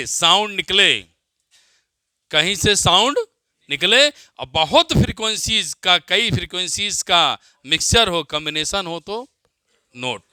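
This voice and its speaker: Man, Indian accent, physics teacher, slow deliberate dictation, dry close sound. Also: high-pitched, pushed and bright, no room sound. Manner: dictates slowly, repeating phrases and quizzing students. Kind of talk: classroom lecture with dictation.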